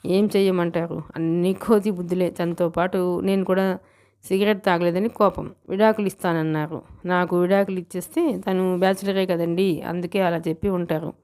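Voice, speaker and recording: A shrewd young bride from an audiobook novel, voiced by a woman reader. She talks briskly and persuasively, always a step ahead. Her voice sits slightly low. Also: steady tone, a little mellow, smooth, natural voice. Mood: mock outraged. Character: quick-witted scheming young bride.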